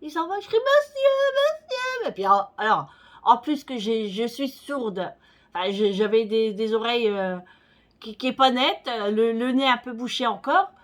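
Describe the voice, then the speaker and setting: Forties woman vlogging, rambly and chatty, lotta fillers, a bit stuffy-nosed, voice on the higher side. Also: moderate pace. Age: 40s. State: slightly stuffy nose. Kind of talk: casual chat.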